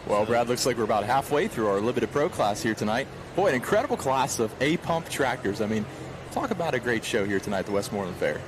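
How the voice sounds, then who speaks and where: A man with a medium-pitched voice gives tractor pull announcer commentary. He talks quickly and enthusiastically, repeating words for emphasis. Clear outdoor engine noise sits behind him. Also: big pitch swings. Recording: noisy outdoor event with engines.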